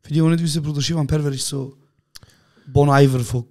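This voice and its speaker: A man's voice: a little high, steady tone, quick pace, a little mellow. A man co-hosting a casual podcast chat, telling funny stories in slangy street talk and acting out what people said. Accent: Swiss German. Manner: slangy storytelling, acts out quotes, laughs a lot. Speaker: podcast co-host.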